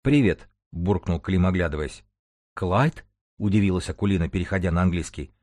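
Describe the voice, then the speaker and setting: A man narrating an audiobook in a measured storytelling manner. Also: low-pitched, steady tone, mellow, dry recording, studio quality. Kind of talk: scripted narration.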